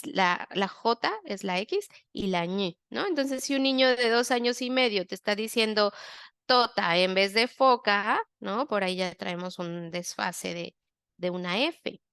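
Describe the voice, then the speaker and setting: A woman's voice: medium pitch, a little slow, a bit bright, clear, resonant tone, no room sound, studio quality. A woman language therapist, giving a step-by-step masterclass and often checking in with her listeners. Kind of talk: explanatory masterclass.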